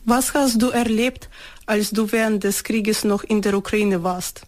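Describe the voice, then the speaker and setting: A woman interviewer asking her guest questions in a calm, steady way. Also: medium pitch, unhurried.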